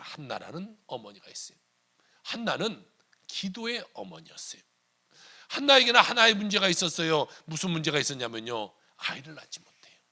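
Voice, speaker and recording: High gravelly preaching man. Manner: emphatic preaching with rhetorical questions, now and then dropping to a hush. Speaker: pastor. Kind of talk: Sunday sermon. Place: church sanctuary.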